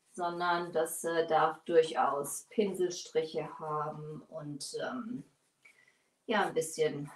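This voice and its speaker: A woman's voice: on the low side, far from the mic. A woman in her forties hosting a live furniture painting tutorial, chatting while she works at her bench. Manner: chatty, bent over her work while talking. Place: small workshop studio, indoors. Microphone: far camera, no mic seen. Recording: echoey room, voice off-mic.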